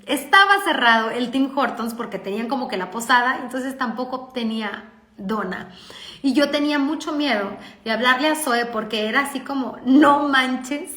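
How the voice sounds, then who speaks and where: Mexican woman speaker, fairly high voice, lively storytelling, roomy echo. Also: normal speed. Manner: lively, acts out dialogue. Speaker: parenting speaker. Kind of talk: storytelling talk. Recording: echoey room.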